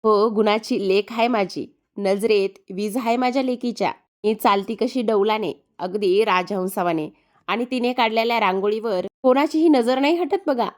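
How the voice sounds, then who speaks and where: A proud, doting village mother speaks with fond warmth, as a woman voices her. Her voice sits fairly high and projects strongly. It comes across as a storybook retelling. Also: normal speed, lightly acted.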